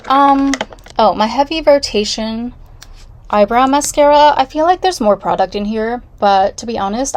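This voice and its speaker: A woman's voice: mid-range voice, darkish tone. Chatty woman beauty vlogger at home. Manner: rambling, candid, self-deprecating asides. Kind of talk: casual chatty product review.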